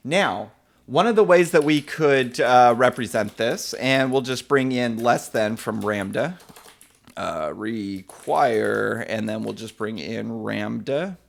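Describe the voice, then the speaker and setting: A man's voice: mid-range voice, slow pace, gravelly. Casual man live-coding a lesson. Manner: casual, many fillers, reads chat names aloud. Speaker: programming instructor.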